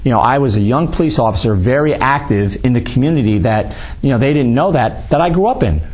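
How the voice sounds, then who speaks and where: A man's voice: medium pitch, lively intonation, fast talker, a little mellow. A middle-aged man from Albany, a retired police sergeant, talking casually in an interview with many restarts and repeated words. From Albany, New York.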